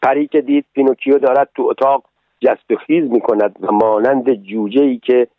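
A man's voice: mid-range voice, no room sound. Man reading a story over tinny radio. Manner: steady, measured narration. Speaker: narrator. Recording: tinny lo-fi radio broadcast, dry.

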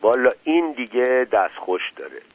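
A man's voice: medium pitch, very animated, muffled recording. A man voicing a smiling, good-natured male gambler who speaks in easygoing slang. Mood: admiring.

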